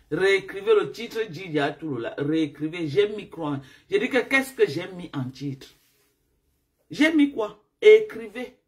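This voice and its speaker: A woman live-streaming to her viewers, sleep-deprived from jet lag, who talks in an animated, repetitive way and keeps calling out to her audience. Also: fairly low pitch.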